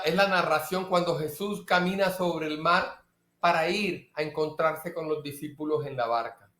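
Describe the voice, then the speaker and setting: A man preaching a sermon slowly and emphatically, repeating key phrases. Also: a little high, a bit bright, reverberant.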